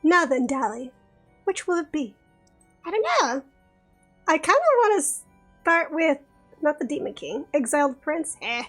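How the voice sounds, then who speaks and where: Giggly high-pitched woman streamer reading game narration, soft music underneath. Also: big pitch swings. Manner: giggly and chatty, reads narration slowly. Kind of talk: reading a visual novel aloud on stream.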